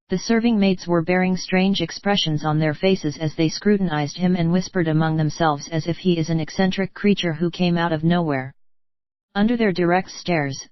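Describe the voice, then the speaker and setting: A synthetic woman's voice reads a novel aloud in a steady, flat way and sometimes trips over words. Her voice sits low. The recording is dry, with a slightly muffled, lo-fi sound. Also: dry recording. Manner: flat, even, synthetic reading with odd slips. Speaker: narrator. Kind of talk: text-to-speech novel narration.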